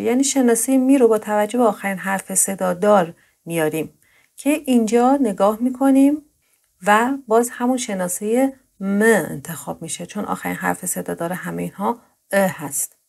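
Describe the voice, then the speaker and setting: A woman presenting a grammar lesson, explaining patiently and slowing down to drill each verb form. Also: medium pitch, creaky, darkish tone. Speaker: Turkish language teacher.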